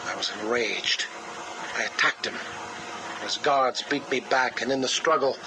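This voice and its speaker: Grieving cold scientist on cassette tape. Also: male voice, mid-range voice. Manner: slow, controlled, mournful delivery. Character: cold grieving male scientist, obsessive and measured. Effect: played back from a cassette tape recording. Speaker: interview subject. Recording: hissy cassette tape playback.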